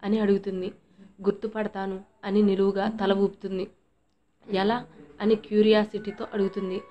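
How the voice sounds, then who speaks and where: A woman's voice: mid-range voice, level tone, normal speed. A woman reading a romantic story aloud as narrator, speaking every character's lines in her own voice. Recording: dull lo-fi recording.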